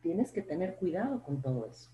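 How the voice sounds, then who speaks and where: A woman professor with a Mexican accent, a podcast guest explaining public speaking in an expressive way, full of rhetorical questions. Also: fairly low pitch, fairly quick, reverberant, rough recording. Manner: expressive, plays up intonation, asks rhetorical questions.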